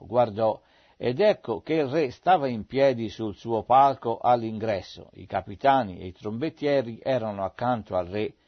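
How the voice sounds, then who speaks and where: A man reading aloud from the Bible in a measured, steady way. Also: medium pitch, no echo. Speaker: Bible reader. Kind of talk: scripture reading. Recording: dry, slightly dull recording.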